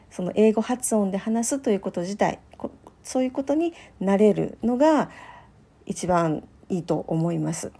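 A middle-aged woman hosts her own podcast, talking alone. Her voice is mellow and warm, never bright. She speaks in a gentle, chatty way and fills her pauses with small hesitations. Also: medium pitch, slightly rough. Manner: gentle, chatty, many fillers. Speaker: podcast host. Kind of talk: solo podcast talk.

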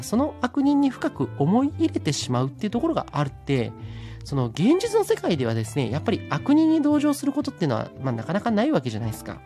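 A man's voice: high-pitched, dark tone. A man giving a casual, rambling solo podcast film review, full of fillers.

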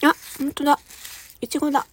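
A woman audio streamer chats casually in a food-tasting ASMR style, murmuring short remarks between mouthfuls of ice cream and sometimes dropping toward a whisper. Her voice is high and monotone, and she talks fast.

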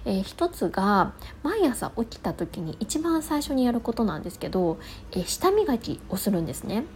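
A woman's voice: a little high, very animated, moderate pace, darkish tone, slight background noise. A woman hosting a morning show alone, talking in a casual, polite, conversational way and explaining things. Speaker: host of a daily morning radio-style show. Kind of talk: casual solo talk.

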